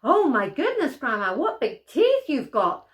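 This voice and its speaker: A woman's voice: sits high, huge pitch swings, a little slow, voice pushed up, full character voice. A woman voicing a plucky, wide-eyed little girl in a bedtime fairy tale. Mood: puzzled, amazed.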